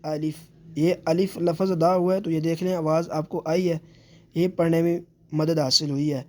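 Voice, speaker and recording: A man teaching Quran recitation step by step, patiently explaining and drawing out letter sounds slowly. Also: fairly high pitch, steady tone, warm tone.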